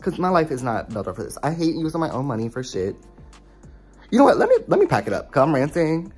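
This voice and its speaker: A woman's voice: sits low, huge pitch swings, quick pace, darkish tone, husky, faint music behind. A young adult woman vlogging in a casual, exasperated rant, swearing freely as she talks. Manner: profane, exasperated ranting. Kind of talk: casual ranting vlog.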